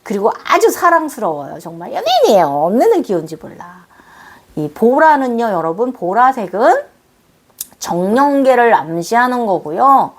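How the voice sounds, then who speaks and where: A woman host telling viewers about a dream in a casual, animated way, cooing and exclaiming fondly as she explains. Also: on the high side, normal speed, breathy edge. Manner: explains with gestures and repeats phrases. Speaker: spiritual channel host.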